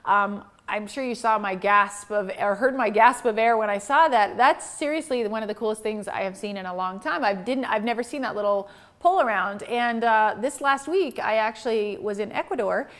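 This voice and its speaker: A woman's voice: medium pitch, moderate pace, fairly bright tone. Chatty gushing woman hosting a stream. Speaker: host. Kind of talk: live-streamed giveaway talk.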